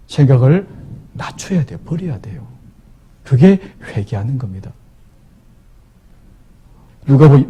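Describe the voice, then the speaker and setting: A male pastor preaching a sermon in a church, emphatic, acting out sinners' voices with sudden rises in pitch. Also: warm tone, breathy edge, muffled recording. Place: large church hall.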